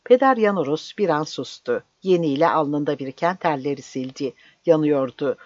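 A narrator reading a novel aloud at a steady, measured pace. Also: mid-range voice, dry recording, muffled recording. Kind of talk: audiobook narration.

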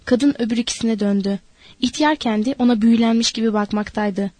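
Woman narrating a novel, measured. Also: a little high, no echo. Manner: measured and expressive. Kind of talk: audiobook reading of a novel.

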